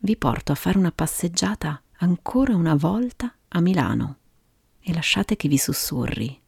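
A woman narrating a scripted story as host, in a hushed voice that slips into whispers close to the ear. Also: lowish voice, animated, moderate pace, gravelly, husky, dry recording. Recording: music behind the voice.

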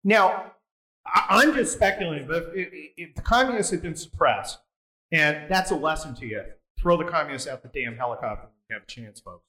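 Male host for a casual interview; bright, pushy, provocative delivery with lots of restarts. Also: fairly high pitch, expressive, fairly quick, poor audio. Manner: blunt, provocative, rambling with restarts. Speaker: podcast host.

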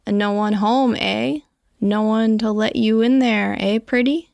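A woman's voice: medium pitch, steady tone, a little slow, creaky, darkish tone, no room sound. A woman voicing a menacing male stranger who taunts a cornered woman in a leering tone. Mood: taunting.

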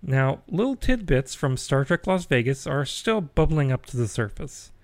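A man's voice: mid-range voice, very animated, moderate pace, dry recording. A man hosting a geeky news podcast, chatty, with wry asides and frequent fillers. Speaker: podcast host.

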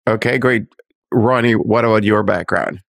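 A man hosting a leadership podcast, introducing guests and asking them about their background in a measured, friendly way. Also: on the low side, vocal fry, a bit bright. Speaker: podcast host. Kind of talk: podcast interview.

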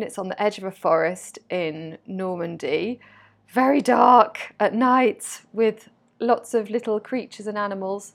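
A woman's voice: medium pitch, gravelly. A woman from Wales, a life coach hosting her podcast in a chatty, rambling way with frequent laughter. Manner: chatty and rambling, laughs often, self-deprecating. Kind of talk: casual solo podcast talk.

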